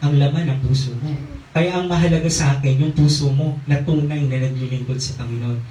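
A man's voice: fairly high pitch, fairly even intonation, brisk, warm tone, slight background noise. A man preaching a sermon in church on a handheld mic, peppering his talk with hallelujahs and amens. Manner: call-and-response, frequent hallelujahs and amens. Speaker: pastor. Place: church hall. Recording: echoey church recorded from far off.

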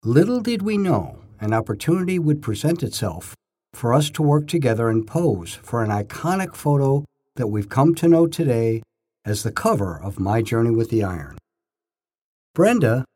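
An older man narrates first-person stories he wrote himself, using short, measured phrases and a storyteller's emphasis. His voice is medium in pitch and warm in tone.

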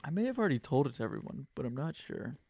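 A man co-hosting a podcast, telling a funny story in a casual, animated way with lots of laughter. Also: mid-range voice, rapid-fire, creaky, slightly rough, dry recording. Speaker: podcast co-host.

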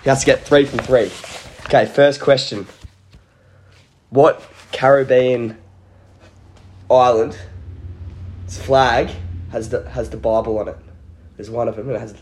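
A young Australian man chats as a podcast host in a blokey, laid-back way. His voice sits at a medium pitch and his talk is slangy, casual banter. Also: fairly even intonation, measured pace, pauses often. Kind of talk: casual chat. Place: at home, phone on a table. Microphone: phone lying on table.

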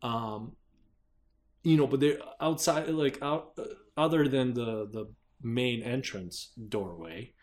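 A man's voice: medium pitch, slow. Man, podcast co-host, casual chat, rambling, hesitant, many fillers.

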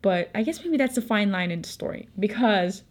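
A woman's voice: medium pitch, animated, a little fast. A young woman in her twenties with a Filipino accent, telling a story in a chatty, candid way and swearing often. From Philippines. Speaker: vlogger. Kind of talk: casual storytelling.

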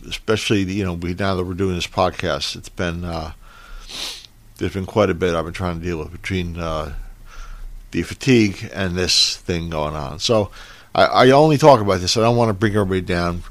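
A middle-aged man talking candidly and haltingly about his own life, his words slightly numb-mouthed, as if he had marbles in his mouth. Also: deep voice, dry recording. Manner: halting, hesitant. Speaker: podcast host. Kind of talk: candid personal monologue.

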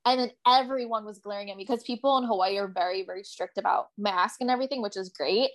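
A woman's voice: mid-range voice, fast. Chatty young woman telling a story. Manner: chatty storytelling, lots of "like" fillers. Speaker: podcast co-host. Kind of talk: casual chat.

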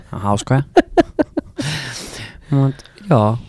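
A man's voice: mid-range voice, darkish tone, no room sound. A young man co-hosting a casual podcast chat, swearing freely and acting out stories with quoted dialogue. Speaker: podcast co-host.

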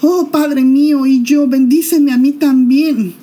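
A woman's voice: on the high side, moderate pace, dark tone, lightly acted. A woman voicing a desperate elder son, a hunter, pleading in a raised voice.

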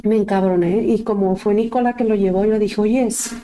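Expressive Mexican woman, slangy chat. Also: mid-range voice. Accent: Mexican Spanish. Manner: expressive, slangy, quick to laugh. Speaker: podcast co-host. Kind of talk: casual chat.

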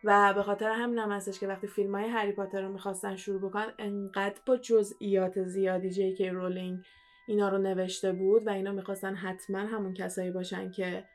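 Chatty young woman co-hosting a podcast, soft music behind. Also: mid-range voice, little pitch movement. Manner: chatty, fast, many fillers and restarts. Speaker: podcast co-host. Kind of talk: casual podcast chat.

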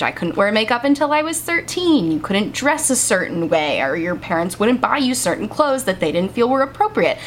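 A woman's voice: medium pitch, a little hiss or hum. A woman in her twenties hosting a casual solo podcast in a bubbly, chatty way, speaking right up close to the microphone as if into your ear. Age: 20s. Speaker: podcast host.

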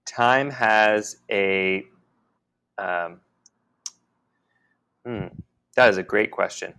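A man co-hosting a podcast, talking in a halting, musing way with many restarts. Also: lowish voice, bright, forceful tone, clean tone. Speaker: podcast co-host. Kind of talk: casual spiritual conversation.

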